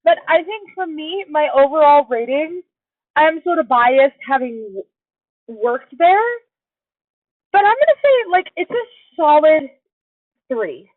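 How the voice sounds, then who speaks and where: A woman's voice: high voice, big pitch swings, a little slow, pauses often, no room sound. A woman co-hosting a podcast in casual, informal chat, giving her opinions freely. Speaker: podcast co-host. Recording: dull lo-fi makeshift recording.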